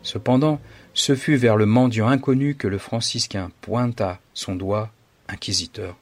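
Husky low-voiced male storyteller. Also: fairly even intonation, faint music behind. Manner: dramatic, measured reading. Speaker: narrator. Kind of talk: scripted story narration.

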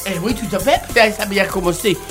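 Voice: medium pitch, brisk, a bit bright. A radio columnist, chatting casually in an exclamatory, rambling way. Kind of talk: casual, unscripted chat. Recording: music bed under voice.

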